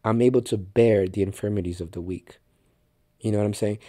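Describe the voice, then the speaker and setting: A man's voice: on the low side, fairly even intonation, fairly quick, warm tone, no echo, studio quality. A man hosting a faith podcast, teaching in an earnest, conversational way with frequent restarts and direct remarks to the listener. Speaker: podcast host and Bible teacher.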